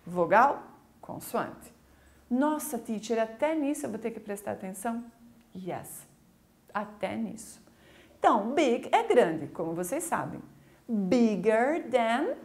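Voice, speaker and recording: A woman English teacher with a Brazilian Portuguese accent, giving a recorded school video lesson in a lively, coaxing way. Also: on the high side. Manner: lively, coaxing, slow deliberate explanations.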